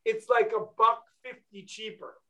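A man's voice: high voice, level tone, moderate pace, pushed and bright, low-quality recording. A man hosting a financial talk show, blunt and emphatic, often checking in with "okay?". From California. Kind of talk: casual talk show chat.

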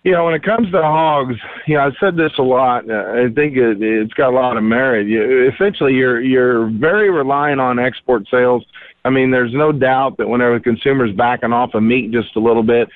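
A man's voice: mid-range voice, fairly quick, no room sound. Folksy man talking over a tinny phone line. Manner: folksy, rambling with many fillers. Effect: heard over the phone. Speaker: market analyst guest. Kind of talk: casual market commentary.

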